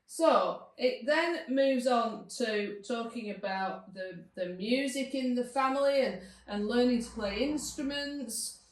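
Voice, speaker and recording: A woman's voice: a little high, slow. Chatty woman in an echoey room. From Lancashire, England. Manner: chatty, enthusiastic, with fillers. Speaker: podcast host. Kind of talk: casual chat and read-aloud. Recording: echoey room, distant mic.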